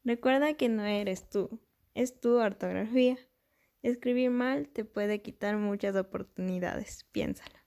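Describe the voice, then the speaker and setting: A woman's voice: fairly high pitch, dark tone, clean tone. A young woman student reading a tutorial aloud, setting wrong and correct sentence examples side by side. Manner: unhurried, contrasting wrong and right examples. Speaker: student presenter. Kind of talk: read-aloud tutorial narration.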